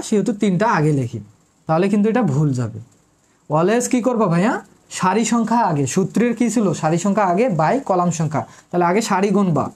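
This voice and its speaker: A woman's voice: medium pitch, a little mellow, husky. A woman math tutor, teaching an online lesson in an informal way. She quizzes students, answers her own questions, and repeats the key terms.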